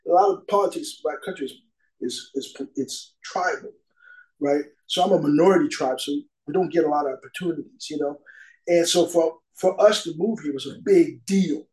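A man's voice: fairly high pitch, moderate pace, a little mellow, reverberant, low-quality recording. A middle-aged man giving a long, rambling personal recovery talk as a guest speaker, peppered with "you know" asides.

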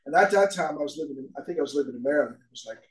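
A man's voice: fairly high pitch, expressive, very fast, reverberant, rough recording. A middle-aged man giving a long, rambling personal recovery talk as a guest speaker, peppered with "you know" asides.

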